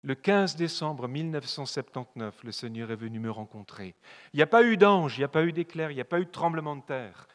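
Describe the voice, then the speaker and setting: A man with a Swiss French accent preaching a fervent sermon in church, repeating phrases and swinging from loud appeals to soft, low asides. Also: animated, brisk. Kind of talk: evangelistic sermon. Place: church hall. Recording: long hall reverb.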